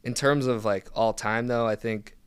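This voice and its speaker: A man's voice: medium pitch, fairly even intonation, normal speed, clean tone, dry recording. A young man from Philadelphia, a podcast guest chatting casually with lots of "um"s and restarts. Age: young adult. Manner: easygoing, many "um"s and restarts. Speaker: guest, pro soccer player.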